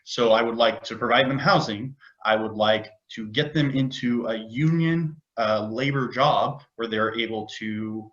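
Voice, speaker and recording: A man's voice: mid-range voice, a little slow, hardly any pauses, a bit bright. Earnest man over dull video call audio. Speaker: city council candidate. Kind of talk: candidate statement.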